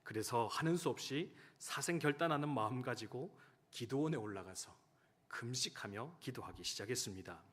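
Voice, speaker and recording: A man's voice: medium pitch, lively intonation, moderate pace, a bit bright, slightly rough. A male pastor preaching a sermon, telling stories and acting out the quoted lines. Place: church sanctuary. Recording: long hall reverb.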